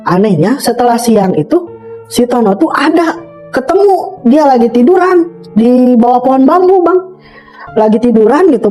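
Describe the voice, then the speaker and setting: A man's voice: very high voice, warm tone, rough recording. A young man telling a personal story in casual, rambling speech full of fillers, often calling the listener brother. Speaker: storyteller guest.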